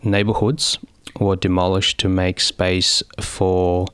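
A man in his thirties or forties who grew up in China, speaking as an interview guest in a measured, reflective way with frequent fillers. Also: low-pitched, level tone, a bit bright, clean tone, no room sound. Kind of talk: conversational interview.

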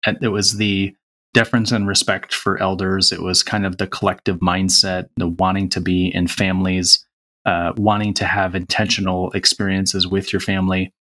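A man's voice: deep voice, level tone, moderate pace, pushed and bright. A man chatting earnestly as a guest on a podcast, reflecting on his life choices. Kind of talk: casual conversation.

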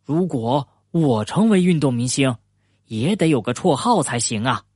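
A man's voice: mid-range voice, lively intonation, moderate pace, darkish tone, breathy edge, no room sound, studio quality. A man voicing an eager young boy turtle in a storybook reading, earnest and insistent.

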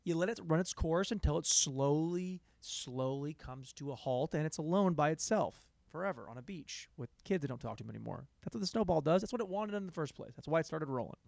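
Young male podcast host, sarcastic rambler, fairly high voice, dry studio sound. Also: lively intonation, brisk, vocal fry, hardly any pauses, no echo. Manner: sarcastic, self-mocking, jumps between loud bursts and mumbled asides. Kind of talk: rambling solo comedy podcast.

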